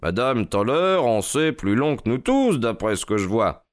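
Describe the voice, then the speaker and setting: A man voicing an eager, commanding male detective who speaks briskly and urgently. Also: medium pitch, very animated, natural voice.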